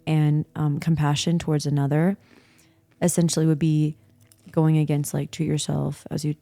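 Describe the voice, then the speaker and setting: A woman's voice: low-pitched, little pitch movement, moderate pace, creaky, dark tone, dry recording. A woman in a casual spiritual chat, speaking in a reflective, searching way with many fillers.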